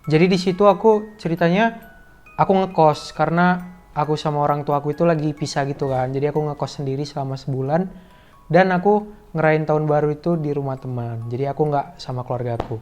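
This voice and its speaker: A man's voice: a little high, brisk, a little mellow, faint music behind. A man of about twenty talking casually to camera in a rambling way, with many fillers. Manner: rambling, heavy use of fillers. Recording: slightly dull, muffled recording.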